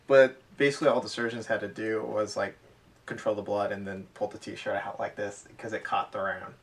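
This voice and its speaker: Sitting far from the mic, this man co-hosts an airsoft podcast in unscripted conversation. He speaks fairly quickly in a lowish, flat voice, rambling through explanations and thinking aloud in run-on sentences.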